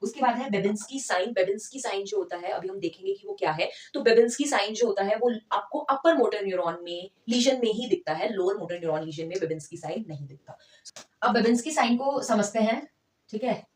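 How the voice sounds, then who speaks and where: Woman lecturer, chatty teaching tone, mid-pitched, recorded a bit off-mic in a roomy space. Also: expressive, a little fast, distant mic. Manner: conversational teacher, checks in with listeners. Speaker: physiotherapy lecturer. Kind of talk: explanatory lecture, Hindi mixed with English terms. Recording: echoey room, voice from off the mic.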